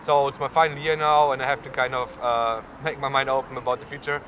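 Interviewed outdoors in a town square, a young German-accented university student answers questions with many fillers, gesturing as he talks. His mid-range voice is fast and fairly bright, with little pitch movement, over faint street and traffic noise.

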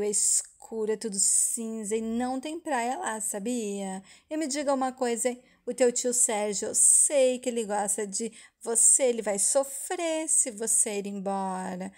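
Woman voicing a scheming woman, Brazilian Portuguese accent, insistent, persuasive, fairly high voice. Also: darkish tone, lightly acted. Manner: insistent, persuasive, dramatic stresses. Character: scheming woman coaxing a small boy.

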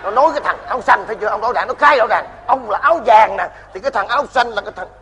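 An actor playing a pompous, blunt wealthy in-law who talks loudly, in a stage comedy sketch. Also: male voice, high voice, long reverb tail, a little hiss or hum. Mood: accusing. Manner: loud, blunt, fast-talking.

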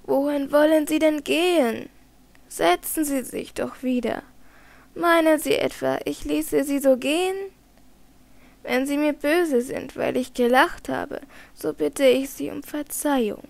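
A woman voicing a naive, devout elderly lady in an audiobook, speaking slowly and gently insistent, sometimes hushed. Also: high voice, steady tone, gravelly, no room sound. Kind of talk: audiobook character reading.

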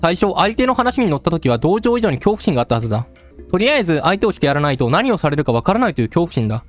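Male streamer doing a coarse, menacing storyteller, fast and lively. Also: fairly high pitch, soft background music. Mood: taunting. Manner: gruff, coarse street speech, addressing the listener directly. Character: rough-talking male storyteller, menacing and taunting. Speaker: game let's-play narrator.

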